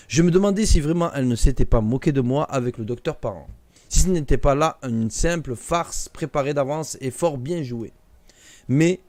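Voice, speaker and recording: A man's voice: on the high side, a little mellow, dry recording. A young man reading a classic story aloud as a streamer, breaking off for hesitant, filler-heavy asides. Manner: hesitant asides with many fillers between read passages.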